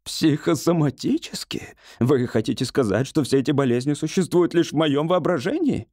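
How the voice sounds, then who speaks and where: A man performs a petulant middle-aged hypochondriac in an audiobook, his voice pushed high and loud with indignation. He rants melodramatically about his imagined illnesses. The sound is dry and close, with a dark tone underneath. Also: expressive, normal speed, no room sound. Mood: indignant, melodramatic. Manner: shouting, indignant, melodramatic complaints. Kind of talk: audiobook character voice.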